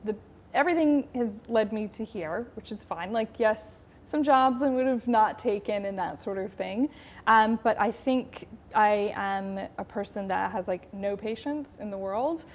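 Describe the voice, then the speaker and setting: A woman's voice: medium pitch, a little slow. A woman in her thirties with an American accent, chatting expressively as a guest in a TV studio interview. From United States. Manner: chatty, expressive, gestures while talking. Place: TV studio, indoors.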